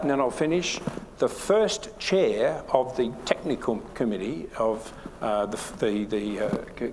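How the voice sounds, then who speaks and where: A man's voice: medium pitch, darkish tone. Older guy on a conference panel, earnest, echoey hall, faint noise.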